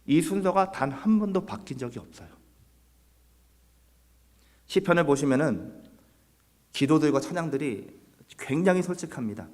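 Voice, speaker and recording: A man's voice: on the high side, expressive, normal speed, long pauses, a little mellow, big-room sound. A man preaching a Sunday sermon as pastor, earnest, putting rhetorical questions to his congregation. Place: church sanctuary.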